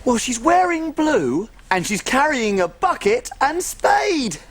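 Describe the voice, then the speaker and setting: A man's voice: extremely high pitch, big pitch swings, takes it slowly, a bit bright, exaggerated voice. A man playing a tiny, cheerful, eager little cook in a children's show, with an exaggerated, enthusiastic sing-song delivery. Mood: eager, excited. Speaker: children's TV presenter. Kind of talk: playful children's show presenting and storytelling.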